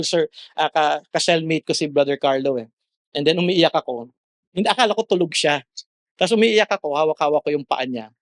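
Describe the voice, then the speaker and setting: Earnest pastor preaching, dry close sound. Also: male voice, a little high, no echo. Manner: earnest, mixes English into his preaching, rises sharply when exhorting. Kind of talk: sermon.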